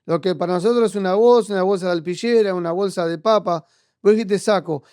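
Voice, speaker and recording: A man's voice: high voice, quick pace, a little mellow, clean tone, dry recording, studio quality. A man with an Argentine accent hosting a podcast interview, speaking in a reflective, hesitant way with frequent restarts. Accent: Argentine Spanish. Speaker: podcast host. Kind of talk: conversational interview.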